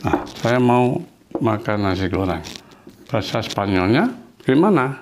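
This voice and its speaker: A man teaching a language lesson, patiently explaining and repeating words and verb forms slowly. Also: fairly low pitch, big pitch swings, noisy background.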